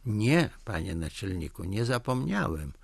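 A man doing a meek, low-voiced village head. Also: sing-song, measured pace, a bit bright, no room sound, full character voice. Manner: meek and apologetic. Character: timid male village head, hard-drinking.

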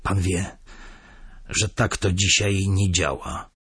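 A man voicing a gaunt, frightened male prisoner with a hoarse, rasping voice, pleading and fearful. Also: low-pitched, level tone, takes it slowly, a bit bright, no echo, clean studio sound, exaggerated voice. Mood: weary.

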